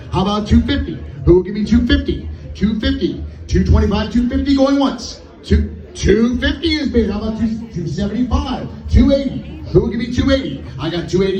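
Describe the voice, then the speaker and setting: High-pitched male auctioneer, echoey sound. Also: warm tone, muffled recording. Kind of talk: auctioneer's chant with rapid repeated numbers and filler syllables. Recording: echoey, distant mic with music behind.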